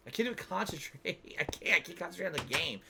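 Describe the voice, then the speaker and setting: A man's voice: sits high, animated, quick pace, vocal fry, background noise. A man streaming a game, venting in frustration with heavy swearing and repeating himself as he reads out viewer tips. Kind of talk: casual live-stream chat.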